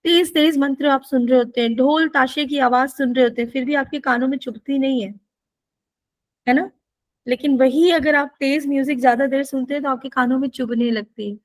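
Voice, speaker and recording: A woman with a high voice teaches a spiritual lesson, explaining points patiently and checking in with rhetorical questions. The sound is dry and close, with no room echo. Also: steady tone, fairly quick. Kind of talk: spoken teaching session.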